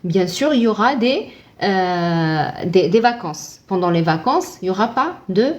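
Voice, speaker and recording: A woman's voice: medium pitch, expressive, measured pace, darkish tone. A woman teaching Arabic in a casual live-stream, chatting with viewers and answering her own questions.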